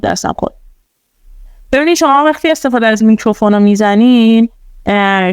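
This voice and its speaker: A woman's voice: mid-range voice, vocal fry, darkish tone, clean tone, dry recording. A woman presenting a casual tutorial. She explains things step by step, with many fillers. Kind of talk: casual screen-recorded tutorial.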